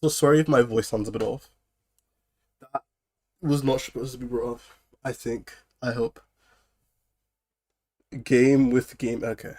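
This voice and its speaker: A man sick with a cold chatting casually on a live stream, greeting viewers and breaking off to laugh and cough. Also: medium pitch. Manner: laughs and coughs between phrases; chats loosely with viewers.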